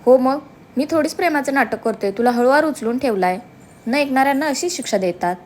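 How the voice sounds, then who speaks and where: A woman's voice: high-pitched, brisk, darkish tone, a little hiss or hum, close to an everyday voice. A woman voicing a bossy teasing young husband.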